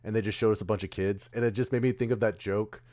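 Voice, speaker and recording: A man's voice: fairly low pitch, fairly even intonation, fast, a little mellow. A man co-hosting a stream, chatting casually about movie trailers and often losing track of names mid-sentence. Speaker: streamer co-host. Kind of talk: casual chat.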